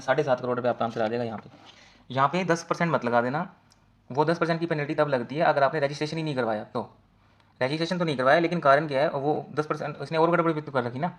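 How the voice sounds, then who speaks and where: A man teaching an exam case study, talking directly to students as he works through answers. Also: fairly high pitch. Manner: rapid, talks to students directly in mixed Hindi and English.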